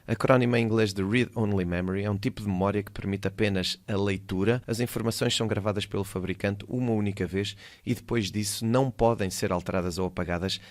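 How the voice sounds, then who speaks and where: A man with a European Portuguese accent reading a voice-over for a school project, explaining computer terms one by one. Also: lowish voice. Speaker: teacher.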